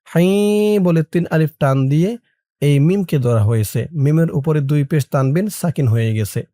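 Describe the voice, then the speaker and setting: A man teaching Quran reading. He recites slowly, draws the words out long, then breaks them into syllables and explains how to pronounce them. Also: on the high side, dark tone, dry recording, clean studio sound.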